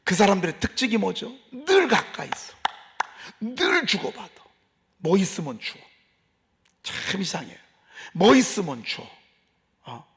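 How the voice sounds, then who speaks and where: A man's voice: high-pitched, sing-song, measured pace, pauses often, fairly bright tone. A male pastor preaching a dawn service sermon in a folksy, emphatic way, repeating phrases and asking the congregation questions. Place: church sanctuary.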